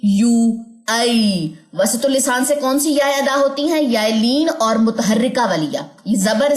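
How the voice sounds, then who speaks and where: A woman teaching an online recitation lesson, patiently drilling sounds slowly and repeating them many times. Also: a little high, echoey room.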